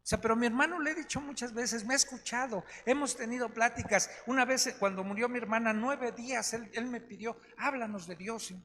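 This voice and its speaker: A man's voice: very high voice, brisk, hardly any pauses, pushed and bright. A man, a pastor teaching a Bible study in a chatty way that keeps checking in with his listeners. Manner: chatty, tags lines with "¿no?" and "¿sí?". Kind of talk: conversational Bible study preaching. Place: church meeting hall. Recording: echoey hall with faint noise.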